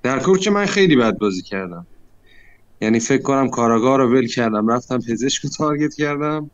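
A man's voice: medium pitch, animated, dry recording. A man recapping an online mafia game as a player, friendly and self-critical about his own play. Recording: dry lo-fi online call audio.

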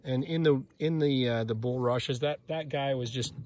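A man's voice: mid-range voice, normal speed, a little mellow, dry recording. A young man filming from a small boat on a lake, commenting in an easygoing way on the fishing. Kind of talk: casual outdoor fishing chat. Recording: faint outdoor noise.

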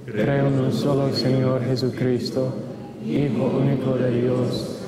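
Monotone priest with cathedral echo. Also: male voice, medium pitch, over a noisy crowd. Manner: steady, measured intoning. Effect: cathedral echo, long church reverb. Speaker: priest leading Mass. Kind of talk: liturgical recitation of creed and prayers. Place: large church. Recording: echoey church hall with congregation. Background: congregation responding.

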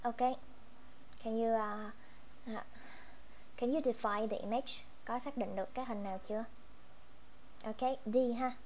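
Vietnamese-accented woman, English teacher, unhurried and deliberate, reads each number out carefully. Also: a little high, fairly even intonation, a little mellow, a little hiss or hum. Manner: slow, careful reading of English numbers and sentences. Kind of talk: online English lesson, mixing Vietnamese and English.

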